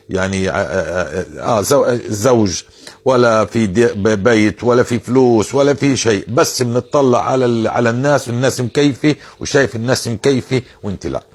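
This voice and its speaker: A man speaking, delivering informal religious counsel in a quick, rushing flow. His voice sits fairly low and carries a husky, slightly rough edge. He talks earnestly and insistently, circling back over the same phrases for emphasis. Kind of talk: informal religious advice talk.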